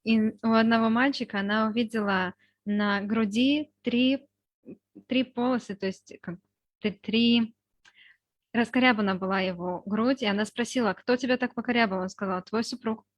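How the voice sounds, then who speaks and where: A woman giving a live spoken translation, interpreting a talk phrase by phrase over a video call, in measured short chunks with hesitation fillers. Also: fairly high pitch, steady tone, dry recording. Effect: live spoken translation, voiced over the speaker's talk. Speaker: consecutive interpreter into Russian. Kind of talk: consecutive interpretation.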